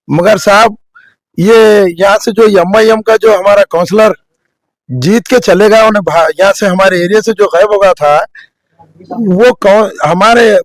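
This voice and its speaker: A man's voice: high voice, dry recording. A man, a resident answering a street interview in a rambling, earnest way.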